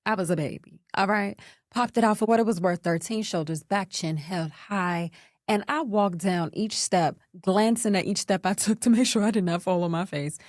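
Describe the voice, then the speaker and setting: Sassy animated woman podcast host. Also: fairly low pitch, dry recording, clean studio sound. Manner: animated, sassy, talks straight to listeners as "girl". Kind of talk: personal storytelling podcast.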